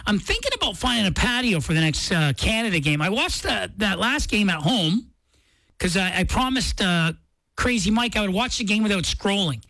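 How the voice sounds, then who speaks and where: A woman's voice: mid-range voice, big pitch swings, normal speed, fairly bright tone, no echo, rough recording. A woman hosting a radio morning show, chatting casually and enthusiastically. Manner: conversational, enthusiastic.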